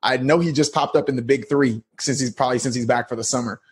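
30s guy on a podcast, kinda husky, easygoing, drops slang while he tells his story. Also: medium pitch, fairly even intonation, quick pace. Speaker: podcast guest. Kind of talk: casual interview talk.

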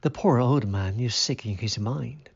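Male reader as a blunt, pitying farmer neighbor in a storybook, husky, dull recording. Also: medium pitch, measured pace. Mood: matter-of-fact. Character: middle-aged neighbor farmer, plain-spoken and pitying.

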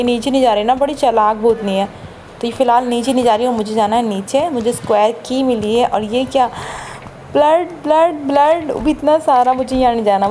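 A woman talks her way through a horror game in a casual, chatty stream. Her voice sits slightly high, and she teases the ghost with playful, mock-frightened asides. A faint hiss runs under the recording. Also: darkish tone. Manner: chatty, teasing the ghost, mock-scared exclamations. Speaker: gaming streamer. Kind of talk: casual let's-play commentary.

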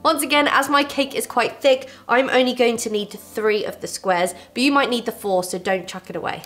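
A young woman talks viewers through a cake recipe in her home kitchen, her voice on the higher side. She keeps her instructions friendly and reassuring. Soft music plays quietly under her voice. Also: normal speed. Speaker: baking show host. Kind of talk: step-by-step baking tutorial. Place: home kitchen with fairy lights.

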